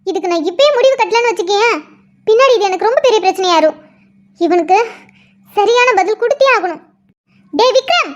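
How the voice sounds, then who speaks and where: A defiant cartoon schoolgirl, voiced by a woman, who snaps back with sharp, indignant retorts. Her voice sits extremely high. The recording is dull and lo-fi. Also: expressive, fairly quick, long pauses. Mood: determined. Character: feisty defiant schoolgirl, quick to fight back. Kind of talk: cartoon voice acting. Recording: dull lo-fi audio.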